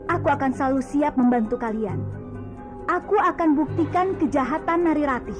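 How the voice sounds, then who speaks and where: A woman's voice: sits high, moderate pace, music in the background, close to an everyday voice. A woman playing a sly snake-demon schemer in a fantasy drama, speaking in an insistent, scolding way. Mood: insistent, persuasive. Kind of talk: fantasy television drama acting.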